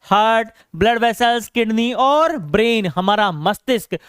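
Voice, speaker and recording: A man's voice: high voice, unhurried, a bit bright, clean tone, no room sound, studio quality. A male biology teacher lecturing in a classroom style, teasing and scolding students while he keeps asking questions and answering them himself.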